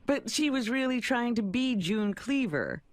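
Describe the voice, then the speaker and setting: A man's voice: very high voice, big pitch swings, a little slow, dry recording. A man co-hosting a radio show, teasing the host with short asides and frequent laughter. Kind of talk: casual radio banter. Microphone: studio mic.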